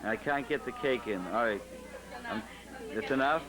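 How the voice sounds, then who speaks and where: A man's voice: medium pitch, moderate pace. A man behind a camcorder giving casual running commentary and coaxing guests to pose, on an old home video. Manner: coaxing, directing people to pose. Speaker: home video cameraman and narrator. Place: busy restaurant party, behind the camera. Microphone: camcorder microphone. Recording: old home video, noisy party chatter.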